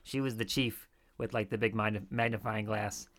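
A man's voice: on the low side, fairly even intonation, normal speed, a bit bright. A man co-hosting a podcast, chatting casually and acting out quoted lines with laughter. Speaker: podcast co-host. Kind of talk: casual chat.

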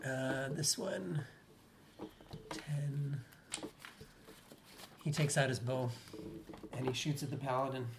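A game master narrating a tabletop game in a relaxed, chatty way with many fillers. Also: mid-range voice, slow pace, long pauses. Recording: noisy home recording.

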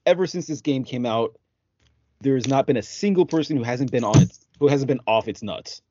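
A man in a casual chat who chimes in with quick comments. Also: medium pitch, mellow, dull audio.

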